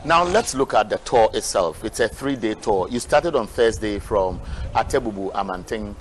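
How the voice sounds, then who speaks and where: A man's voice: lowish voice, expressive, moderate pace, slight background noise, poor audio. A man interviewing a guest, asking long, wordy questions with restarts.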